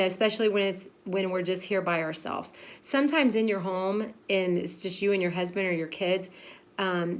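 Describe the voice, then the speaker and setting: This devotional talk comes from a woman in her fifties, a pastor's wife, whose voice sits fairly low. She's frank and chatty, uses lots of fillers, and laughs at herself often.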